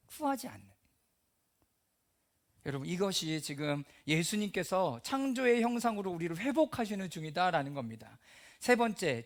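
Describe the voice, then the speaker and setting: Middle-aged male pastor, high and lively voice, expressive sermon delivery with whispered asides. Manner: animated, acting out quoted voices and dropping to near-whispers. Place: church hall.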